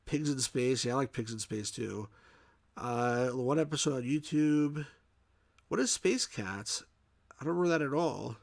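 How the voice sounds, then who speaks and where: A mid-range, gravelly-voiced man from New York, speaking at a moderate pace, streams as a game reviewer. He offers easygoing live commentary, musing to himself and replying to chat in a mild New York accent. There's no echo on the recording.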